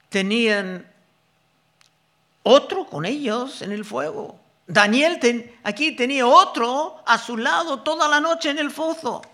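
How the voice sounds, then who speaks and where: A man preaching a sermon, reading Bible verses slowly and deliberately and explaining them. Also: extremely high pitch, pushed and bright.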